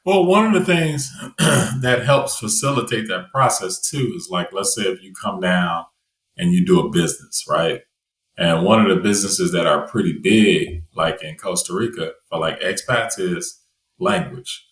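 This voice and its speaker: An American man with a low voice chats casually as a podcast guest at a moderate pace, in a room with an echo. He's relaxed and loose, leaning on fillers like "you know" throughout the interview.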